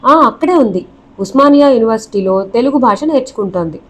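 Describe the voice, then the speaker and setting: A woman's voice: fairly high pitch, lively intonation, brisk. A woman voicing a boastful young groom in a storybook reading, with a cocky, teasing manner. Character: proud boastful young man, the runaway groom.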